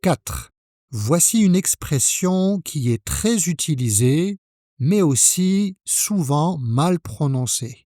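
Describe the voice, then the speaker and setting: A man from France teaching French pronunciation, speaking slowly and carefully, spelling out each sound for the learner. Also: on the high side, animated, warm tone, dry recording. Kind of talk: pronunciation lesson.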